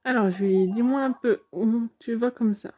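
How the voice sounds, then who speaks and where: A woman's voice: fairly high pitch, normal speed, mellow, slight background noise, natural voice. A woman reading aloud the lines of a chatty male cat traveler from a game, in a friendly, curious tone with plenty of questions.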